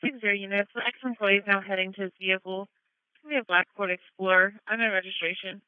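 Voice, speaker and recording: A woman's voice: mid-range voice, steady tone, fast talker, smooth, no room sound. A woman working as a police dispatcher, relaying information over police radio. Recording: tinny narrowband police radio.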